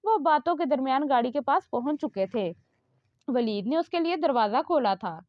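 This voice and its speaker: High, lively woman narrator. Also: normal speed, dry recording. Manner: expressive storytelling. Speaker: audiobook narrator. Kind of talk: scripted narration of a romance novel. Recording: dull lo-fi dry recording.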